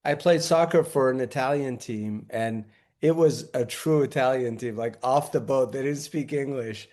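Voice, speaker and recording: A man's voice: medium pitch, normal speed, a little mellow. A man from New York as a podcast guest, chatting casually and telling anecdotes.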